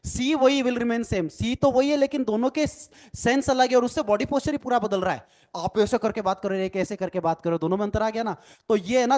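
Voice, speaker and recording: A man teaching a recorded lecture as an NLP trainer, explaining step by step, spelling words out letter by letter and often adding "ठीक है ना" as a check. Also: sits high. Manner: explanatory, repeats "ठीक है ना" tag questions; mixes English phrases into Hindi.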